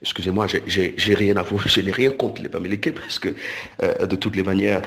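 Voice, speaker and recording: A man from Cameroon, preaching a recorded sermon with animated delivery, repeating and restarting words and slowing down for emphasis. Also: sits low.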